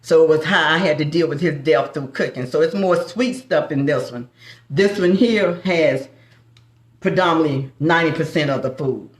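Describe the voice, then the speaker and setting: A woman's voice: sits low, moderate pace, roomy sound. A woman with a Southern accent hosting a live cooking stream. She banters with viewers and calls them baby and family. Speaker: cooking show host.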